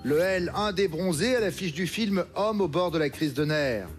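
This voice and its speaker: High-voiced man hosting a quiz. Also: lively intonation, soft background music. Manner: brisk, crisp question reading. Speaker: quiz show host. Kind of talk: TV game show hosting. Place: TV studio.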